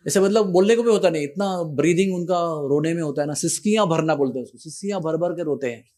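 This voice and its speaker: Animated storytelling preacher, man. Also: on the high side, fast. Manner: animated storyteller, mixing English into Hindi. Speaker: spiritual teacher. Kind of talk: storytelling sermon on pilgrimage.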